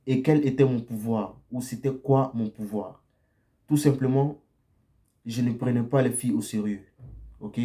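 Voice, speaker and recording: A man's voice: mid-range voice, dark tone. A young man giving blunt dating advice in a casual monologue, often tagging his sentences with a questioning "ok?" and repeating himself. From Côte d'Ivoire. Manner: frequent tag "ok?" and repetitions, direct and blunt.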